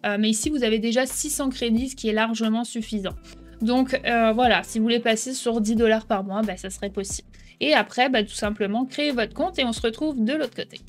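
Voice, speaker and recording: A woman hosting a casual software tutorial, explaining step by step and checking in with the viewer often. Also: fairly high pitch, brisk, soft background music. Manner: chatty, explains step by step, keeps asking "d'accord?". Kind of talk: casual screen-recording tutorial.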